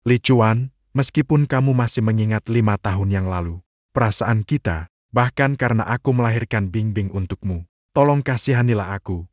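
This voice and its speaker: A man's voice: lowish voice, moderate pace, no room sound, lightly acted. Brief: pleading dying young woman in a story recap, read by a man, dry close voice.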